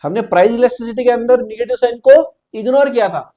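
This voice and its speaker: A man's voice: very high voice, warm tone. A man teaching an exam-prep lecture, mixing Hindi and English, explaining step by step and checking in with students often. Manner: mixes Hindi with English terms, reads questions slowly.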